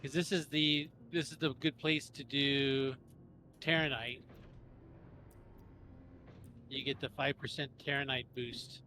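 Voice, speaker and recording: A man's voice: mid-range voice, fairly even intonation, slow, pauses often, bright, forceful tone, a little hiss or hum. A man chatting casually with friends as he plays a video game, thinking aloud as he goes. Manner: thinks aloud while playing. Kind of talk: casual gameplay chat with friends.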